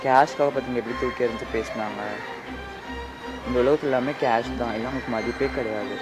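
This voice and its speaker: Dude acting as a kind stranger preaching about debt, quick and earnest, music in the back. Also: male voice, mid-range voice, steady tone, lightly acted. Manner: earnest, lecturing, reassuring. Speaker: actor in a short video drama. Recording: background music under the voice.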